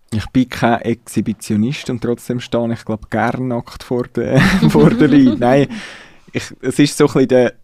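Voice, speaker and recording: Mellow-voiced Swiss man, thoughtful. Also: mid-range voice, no room sound, clean studio sound. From Nidwalden, Switzerland. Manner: reflective, hesitant, restarts sentences. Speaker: musician guest. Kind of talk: casual interview.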